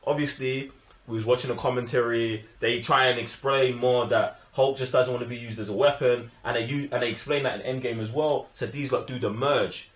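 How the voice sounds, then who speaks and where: A film review show host with a London accent and a mid-range, fairly bright voice talks emphatically in heavy slang, repeating himself to drive his points home. The casual discussion is recorded in a roomy, echoing space.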